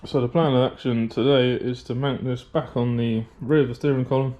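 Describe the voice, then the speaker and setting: A man with a British English accent and a mellow, medium-pitched voice speaks fairly quickly with fairly even intonation, captured in dull audio. While building a race car in a hot garage workshop, he narrates a casual vlog in a chatty, rambling way with many fillers, a little out of breath from the heat.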